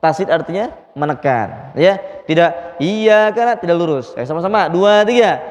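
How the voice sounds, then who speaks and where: A man teaching Quran recitation, patiently drilling sounds and chanting slow, drawn-out verses. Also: sits high, expressive, highs cut off. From Indonesia. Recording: long reverb in a hall.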